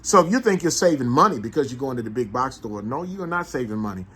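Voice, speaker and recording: A man with a St. in a casual, animated monologue, making his points with repeated rhetorical questions. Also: medium pitch, quick pace, breathy edge. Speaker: vlogger.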